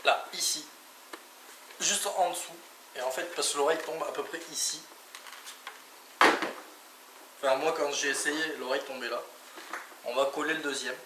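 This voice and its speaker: A motorcycle vlogger demonstrates gear in a relaxed, hands-on tutorial, talking casually through each step and adding little interjections. His voice sits on the high side, steady and unhurried, and he pauses often. The sound is echoey and distant, with noticeable noise behind him.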